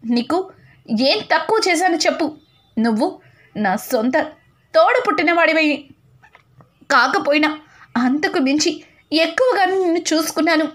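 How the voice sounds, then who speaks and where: A woman's voice: high-pitched, animated, a little slow, long pauses, fairly bright tone. A woman voicing a grown man who angrily confronts his brother with stern, repeated questions.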